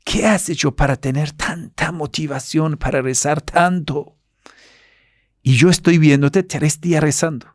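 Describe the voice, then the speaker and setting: A man's voice: on the high side, fairly even intonation, unhurried, no echo, clean studio sound. A man with a Persian accent voicing a naive, devout worshipper who earnestly pleads for an answer. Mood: curious.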